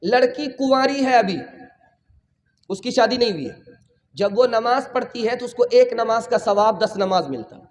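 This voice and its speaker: A man preaching a religious sermon at a public gathering, impassioned, repeating phrases and calling on the crowd to raise their hands. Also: very high voice.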